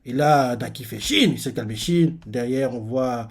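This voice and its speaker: A man's voice: medium pitch, moderate pace. A man, a reaction youtuber, narrating a manga chapter aloud in a casual way with many fillers.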